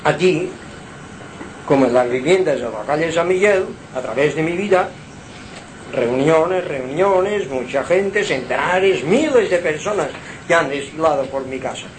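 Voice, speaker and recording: A man giving an informal spiritual talk to visitors in his home, speaking slowly and deliberately and posing rhetorical questions. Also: a little high, lively intonation, a little hiss or hum, low-quality recording. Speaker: spiritual teacher hosting gatherings. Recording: live home gathering.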